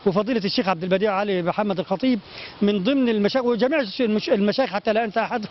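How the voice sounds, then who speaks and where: Egyptian man guest, fast halting speech, high pitch, lo-fi sound. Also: slight background noise. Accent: Egyptian Arabic. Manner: halting, many restarts, pious phrases. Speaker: community guest. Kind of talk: interview answers.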